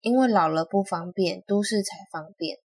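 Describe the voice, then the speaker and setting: A woman's voice: mid-range voice, normal speed, darkish tone, slightly rough, no echo. A young woman from Taiwan with a Taiwanese Mandarin accent, co-hosting a casual podcast chat in an easygoing, agreeable way. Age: 20s. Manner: easygoing, agreeable, short interjections. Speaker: podcast co-host.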